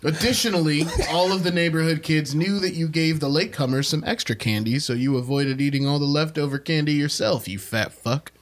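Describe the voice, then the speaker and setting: A man's voice: fairly high pitch, a little fast, hardly any pauses. A man co-hosting a podcast, casually reading a horror story aloud and breaking off to joke.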